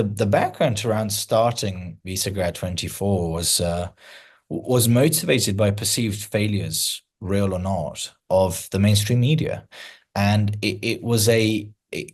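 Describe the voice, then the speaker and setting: A man answering interview questions in a measured, explanatory way, often restarting his sentences. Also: on the low side, a little mellow. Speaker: interview guest, founder of a news account.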